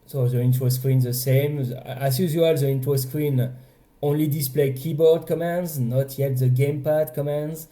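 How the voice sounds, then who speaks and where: A man's voice: on the high side, steady tone, normal speed, dark tone. A young man with a French accent, casually walking through his game's progress, hesitant and often correcting himself. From France. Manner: hesitant, self-correcting, chatty. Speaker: indie game developer. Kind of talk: casual devlog walkthrough.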